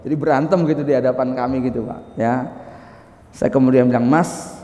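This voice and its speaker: A man's voice: mid-range voice, fairly even intonation, fairly quick, mellow. A male preacher giving a conversational mosque study sermon, often ending phrases with "ya" and acting out examples. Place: mosque hall. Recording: echoey mosque hall reverb.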